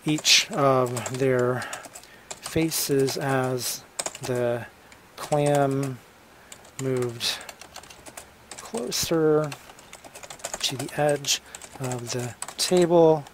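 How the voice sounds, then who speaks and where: A writer dictating a story draft while typing, halting often to revise the wording. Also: medium pitch, noisy background. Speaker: novelist writing a draft live. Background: computer keyboard typing.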